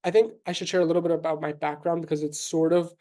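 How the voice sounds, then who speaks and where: Speaking on the high side with little pitch movement and a warm tone, this man is a physician guest in his thirties. Originally a Russian speaker, now from New York City, he responds to interview questions carefully, often restarting and using fillers.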